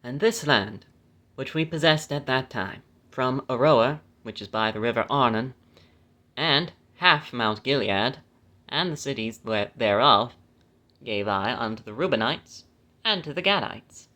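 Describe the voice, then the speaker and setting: Scripture reader, male, mid-pitched and bright, casual and self-deprecating between verses. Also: animated, a little slow. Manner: chatty, laughs at himself, corrects his own stumbles. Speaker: Bible reader. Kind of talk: scripture reading with casual asides.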